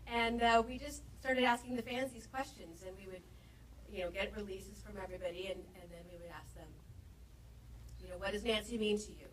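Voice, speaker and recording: A middle-aged actress at a Q&A, telling a chatty story and acting out the quotes, picked up from far off. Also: female voice, mid-range voice, fairly even intonation, a little fast, fairly bright tone. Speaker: actress guest at a Q&A. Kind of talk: storytelling Q&A answer. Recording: distant event recording with faint noise.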